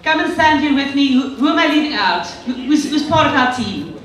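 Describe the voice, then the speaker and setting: A woman's voice: high-pitched, expressive, a little fast, fairly bright tone. A woman hosting a live event, addressing the audience in a polished, enthusiastic presenter's manner. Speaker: event host. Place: large echoey indoor venue. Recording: very echoey hall, far from mic.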